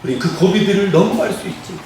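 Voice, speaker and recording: A male pastor delivers a sermon in a high, animated voice that rises and falls widely. He keeps asking the congregation rhetorical questions and acts out the prayers he quotes. The sound comes from a distance in a very echoey hall with faint room noise behind it. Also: fast talker.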